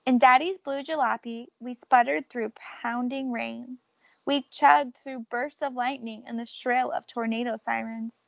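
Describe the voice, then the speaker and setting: Gravelly woman reading a storybook aloud. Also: on the high side, a little slow, dry recording, dull audio. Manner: expressive, shifts loudness for drama. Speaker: storyteller reading a picture book. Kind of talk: read-aloud storybook narration.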